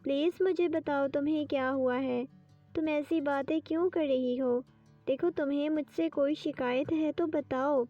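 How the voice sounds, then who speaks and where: A woman voicing a gentle, worried young husband who questions his wife softly. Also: high voice, fairly even intonation, close to an everyday voice. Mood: coaxing. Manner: soft coaxing questions. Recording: distant dull lo-fi with faint music.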